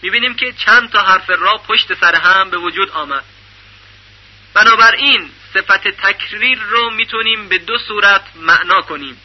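A man giving a radio lesson on recitation rules, explaining in a measured way and repeating syllables to demonstrate them. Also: high voice. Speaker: Quran recitation teacher. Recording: dull lo-fi radio recording.

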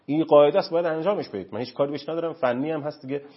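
A man speaking as a counselor on a talk show, earnest and emphatic, lecturing. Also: fairly high pitch. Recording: dull lo-fi recording.

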